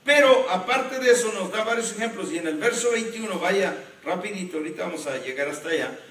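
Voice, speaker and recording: A man, a pastor, preaching a sermon in an animated way and joking with the congregation. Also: sits high, brisk. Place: church. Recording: echoey church hall from a distance.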